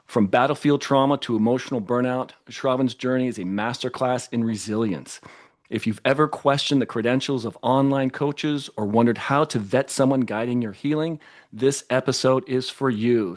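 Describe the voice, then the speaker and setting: A man's voice: medium pitch, moderate pace, darkish tone. Man reading a polished guest intro. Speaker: podcast host.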